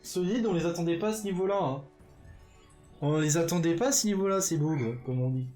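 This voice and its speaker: Male esports caster, live play-by-play, raised pitch, chatty, filler-heavy, self-correcting. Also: a little fast, darkish tone, soft background music. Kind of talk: live game commentary.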